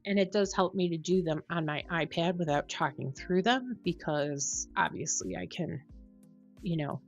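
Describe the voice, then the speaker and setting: A woman thinking out loud in casual commentary on a puzzle, musing and questioning herself as she explains. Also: lowish voice, highs cut off. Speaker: host of a crossword solving video.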